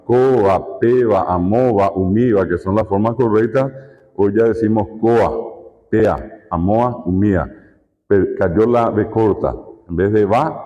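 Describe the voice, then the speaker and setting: A man's voice: medium pitch, warm tone. A man with a Paraguayan Spanish accent giving a conference lecture as a university lecturer, explaining with repeated examples and rhetorical questions. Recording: echoey hall, dull lo-fi sound.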